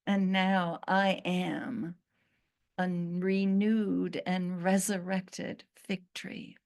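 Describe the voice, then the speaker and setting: A woman channeling a once-cursed fig tree spirit, speaking in a slow, earnest storytelling manner with long pauses. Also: on the low side, level tone, vocal fry, darkish tone, exaggerated voice.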